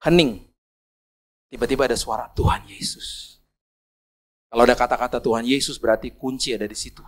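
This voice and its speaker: A male pastor telling a humorous anecdote in a sermon, in an animated way. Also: medium pitch, fast talker. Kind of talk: sermon storytelling.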